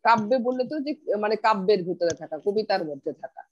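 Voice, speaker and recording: A woman's voice: mid-range voice, expressive, brisk, highs cut off, background noise. A middle-aged woman teaching pronunciation on a video call, patiently repeating words for her students. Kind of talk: online class, explaining pronunciation.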